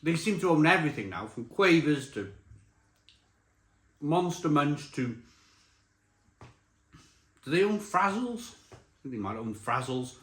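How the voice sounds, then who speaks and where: A middle-aged British man giving a casual, chatty crisp review while tasting and eating, repeating phrases for emphasis. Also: fairly high pitch, big pitch swings, unhurried, long pauses, fairly bright tone. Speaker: snack reviewer. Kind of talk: casual spoken review to camera. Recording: roomy echo, faint background noise.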